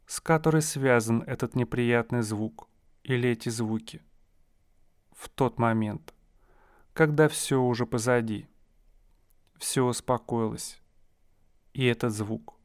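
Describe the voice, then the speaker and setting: A man guiding a listener through a hypnosis session, speaking in slow, soothing, suggestive phrases. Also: medium pitch, darkish tone, smooth, dry recording, clean studio sound.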